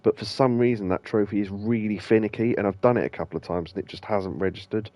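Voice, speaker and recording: A man's voice: lowish voice, fairly even intonation, quick pace, warm tone, no room sound, lo-fi sound. A man casually talking through a video game he is playing, rambling loosely with lots of ums and restarts. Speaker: gaming streamer and host. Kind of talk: casual let's-play commentary.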